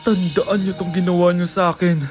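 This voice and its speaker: A woman voicing a vengeful, scheming young woman in a comedy sketch, speaking in low, growled threats. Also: flat delivery, normal speed, a little mellow, faint music behind, close to an everyday voice. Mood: menacing.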